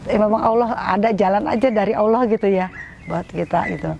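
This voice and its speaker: A middle-aged woman recounting her life story in an interview, speaking with heartfelt emotion. Her voice sits at an ordinary middle pitch but climbs sharply when feelings surge. A faint hiss of background noise sits under the recording. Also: fairly quick, gravelly, lo-fi sound. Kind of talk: personal testimony interview.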